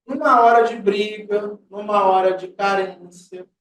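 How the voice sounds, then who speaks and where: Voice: medium pitch, fairly even intonation, a little slow, fairly bright tone, a little hiss or hum. Lecturer for a psychology class, asks questions and gives examples, recorded from afar in an echoey room. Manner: explains with questions and everyday examples. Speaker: psychoanalysis teacher. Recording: roomy class audio from far off.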